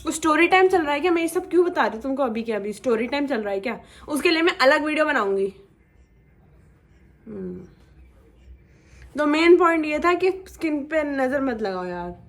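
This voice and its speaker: A young woman vlogging in an easygoing chit-chat style, with a high voice. She talks straight to her viewers, playful and teasing, and keeps the chatter going. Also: expressive, normal speed, long pauses. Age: young adult. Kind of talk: casual chit-chat vlog.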